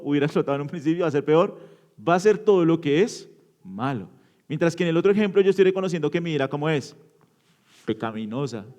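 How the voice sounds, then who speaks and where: Questioning, emphatic male preacher. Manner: asks the congregation questions and answers them; swings between loud emphatic bursts and low quiet endings. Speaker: pastor. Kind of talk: interactive sermon teaching. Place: church.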